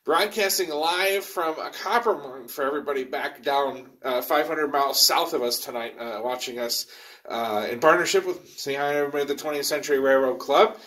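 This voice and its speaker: A man's voice: on the high side, fairly quick, fairly bright tone. A man hosting a casual live virtual program from underground in a mine, talking in a folksy, rambling way. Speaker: host and president of a rail education group.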